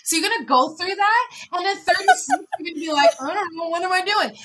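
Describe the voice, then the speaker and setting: As a guest on a podcast, this woman in her thirties chats casually and expressively, swinging from quiet reflection to loud bursts of laughing energy. Her voice is very high-pitched and quick, and there's background noise.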